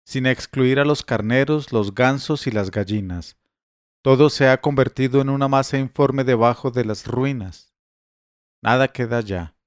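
A man voicing a scheming male servant who fakes grief with drawn-out laments. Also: mid-range voice, smooth, no echo, studio quality, lightly acted.

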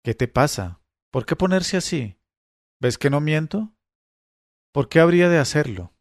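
A man's voice: fairly high pitch, very animated, measured pace, no room sound, studio quality, voice pushed up. A man voicing an ironic woman caller. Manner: ironic, defiant. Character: mysterious calm woman on the phone, ironic.

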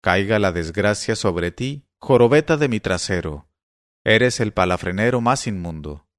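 A man's voice: lowish voice, lively intonation, unhurried, no room sound, studio quality. A man voicing a stern, commanding efrit spirit. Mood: threatening.

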